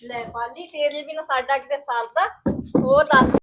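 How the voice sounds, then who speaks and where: Woman as a sharp-tongued lecturing village wife. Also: sits high, normal speed, a little hiss or hum. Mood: sarcastic. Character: village wife lecturing her sister-in-law. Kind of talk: family skit acting.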